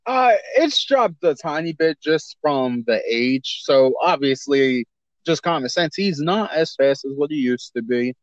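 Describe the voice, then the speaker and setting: A man co-hosting a casual podcast, talking in loose, slangy, animated banter. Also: fairly high pitch, measured pace, no echo, muffled recording. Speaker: podcast co-host. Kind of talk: casual chat.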